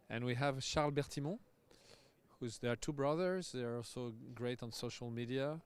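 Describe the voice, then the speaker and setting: A French tennis coach hosts casual live commentary, chatty and loose, laughing easily and often restarting his sentences. His voice is medium-pitched and clean-toned, at a moderate pace.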